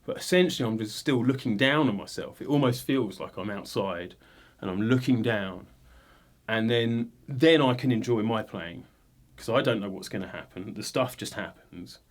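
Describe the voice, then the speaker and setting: A man in his forties from England, a guitarist telling stories about playing live in a rambling, self-deprecating way, full of "like" and "you know". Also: lowish voice. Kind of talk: relaxed interview storytelling.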